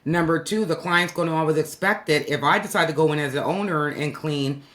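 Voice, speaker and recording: A podcast host in a casual interview who talks emphatically, often repeating a point to stress it. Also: female voice, low-pitched, fairly quick, fairly bright tone. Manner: emphatic, agreeing, repeats phrases.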